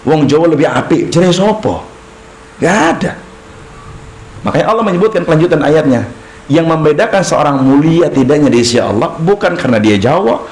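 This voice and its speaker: A man's voice: a little high, reverberant, rough recording. A male preacher giving a mosque study lecture, asking questions and answering them himself and acting out short exchanges. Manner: lively, acts out short dialogues, asks and answers himself. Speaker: Islamic preacher teaching creed. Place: mosque hall.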